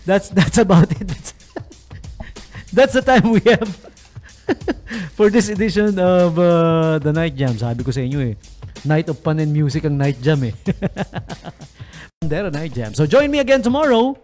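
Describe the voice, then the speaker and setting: Speaking a little slowly with frequent pauses, this man from the Philippines has a fairly high, slightly mellow, animated voice over soft background music. As host of a late-night radio show in the studio, he spins a comic story and keeps chuckling as he goes.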